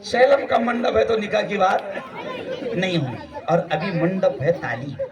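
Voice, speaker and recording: A man preaching a rousing sermon at a religious gathering. He swings between shouts and joking asides. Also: sits high, big pitch swings. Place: outdoor religious gathering with crowd. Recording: distant mic with crowd noise.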